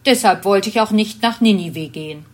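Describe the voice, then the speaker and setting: Woman reading as a sulky, stubborn male prophet, slow, earnest, children's storybook. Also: medium pitch. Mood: indignant. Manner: slow, earnest read-aloud delivery.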